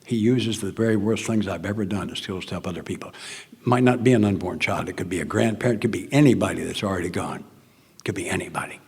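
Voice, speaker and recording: An older man with a Southern American accent speaks earnestly and plainly, his voice gravelly and husky, sometimes sinking almost to a whisper. He is giving a personal talk at a recovery meeting, and his words ring out with the long reverb of a hall. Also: deep voice, quick pace. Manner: earnest, plainspoken storytelling, often dropping to a near whisper.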